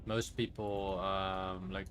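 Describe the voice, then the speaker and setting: A man's voice: low-pitched, slow, faint music behind. A man from the Netherlands with a Dutch accent, chatting casually and rambling while he streams a game. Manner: relaxed, rambling, self-correcting.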